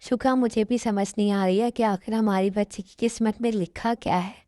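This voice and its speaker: A woman voicing a calm, caring middle-aged mother in an amateur dub, talking in a soothing, reasoning way. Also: medium pitch, normal speed, dry recording, clean studio sound, natural voice.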